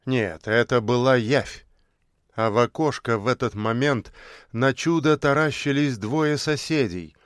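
A man's voice: medium pitch, clean tone, no echo. Man reading an audiobook, dry sound. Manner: steady measured storytelling. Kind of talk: audiobook narration.

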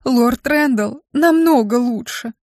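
A woman's voice: on the high side, takes it slowly, a little mellow, no echo, clean studio sound, pitched above the performer's own voice. A woman voicing a fussy, guilty little male imp servant who pleads and whimpers. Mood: whimpering. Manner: whiny, pleading.

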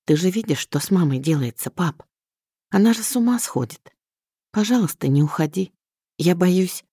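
A frightened teenage daughter, voiced by a woman reading aloud pleads softly and without hope. The voice is mellow and lively in pitch, recorded close and dry. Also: moderate pace, breathy edge, dry recording. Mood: timid pleas. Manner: quiet, hopeless pleading.

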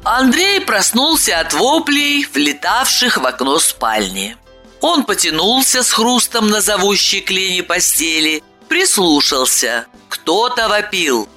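Woman reading an audiobook, slow and bright, soft music underneath. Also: mid-range voice. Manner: measured, expressive reading. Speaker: audiobook narrator. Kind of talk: scripted audiobook narration. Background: faint music.

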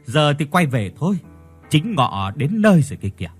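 A man's voice: fairly high pitch, big pitch swings, normal speed, breathy edge, faint music behind. A man voicing a stern middle-aged village shaman who gives solemn, commanding instructions. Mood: solemn instructing.

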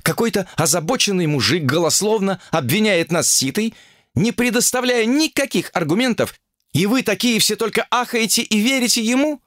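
A man reading an audiobook and voicing an indignant young female graduate student who protests in a shrill, exasperated way. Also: lively intonation, moderate pace, fairly bright tone, no room sound, studio quality.

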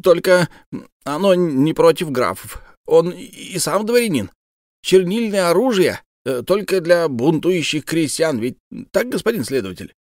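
A sly, pompous boar gentleman, as a male narrator puts him on, speaking in a raised, lively voice. He drawls his words slowly and insinuatingly. The recording is dry and close. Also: a little high, no echo, pitched above the performer's own voice.

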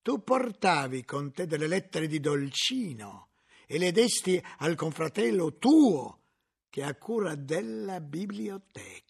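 A man voicing a stern, coldly paternal inquisitor who speaks slowly and solemnly. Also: on the high side, very animated, vocal fry, breathy edge, voice pushed up, exaggerated voice. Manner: slow, measured, solemn.

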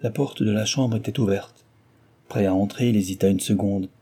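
A man's voice: on the low side, breathy edge. A man steadily reading a classic novel aloud as narrator. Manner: steady and measured. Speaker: audiobook narrator.

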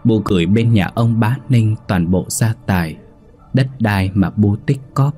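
A man voicing the ghost of an old mother-in-law in a horror story, speaking in a deep, hollow, strained voice. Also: measured pace, natural voice. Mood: mournful. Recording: soft background music.

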